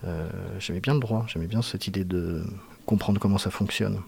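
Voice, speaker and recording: A man's voice: low voice, normal speed, creaky, a little mellow. A man from France, an actor, speaking reflectively in a casual interview, often hesitating as he searches for words. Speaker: guest actor.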